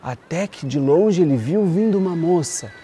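A woman reading a fairy tale aloud for children, expressive and fond of repeating phrases for effect. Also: on the low side, moderate pace, slightly rough. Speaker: children's storyteller. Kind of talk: storytelling for children.

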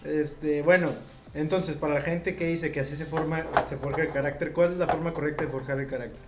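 A man's voice: fairly high pitch, fairly even intonation, brisk. A young Mexican man in casual podcast chat, joking crudely and swearing. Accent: Mexican Spanish. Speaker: podcast co-host. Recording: echoey room with crowd noise.

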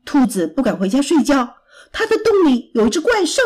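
A woman's voice: high-pitched, very animated, a little fast, darkish tone. A woman voicing a brash, self-confident rooster that crows its orders. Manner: brash, trumpeting. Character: bossy brave rooster.

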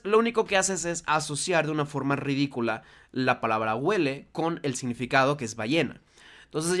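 A man teaching a casual lesson, friendly and encouraging, often pausing to ask rhetorical questions. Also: mid-range voice, fairly bright tone. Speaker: language teacher.

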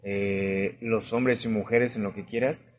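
A man's voice: lowish voice, measured pace. Joking young Mexican man on a podcast. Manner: relaxed, joking banter. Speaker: podcast co-host. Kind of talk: casual podcast chat.

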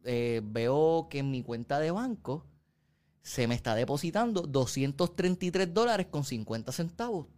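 A man's voice: on the high side, moderate pace. A man, animatedly retelling a show's plot in casual chat and mixing in English words. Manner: animated storyteller, mixes English into Spanish.

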